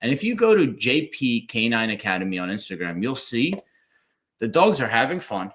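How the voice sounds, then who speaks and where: A man hosting a podcast interview, talking in an animated, rambling way with many fillers. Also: medium pitch, moderate pace. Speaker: podcast host.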